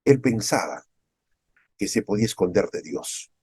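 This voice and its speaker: A man's voice: fairly low pitch, normal speed, husky. A male pastor with a Peruvian Spanish accent preaching a devotional sermon. He keeps asking the listeners rhetorical questions and acts out quoted people in a raised voice. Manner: animated, often acts out quoted speakers in a raised voice.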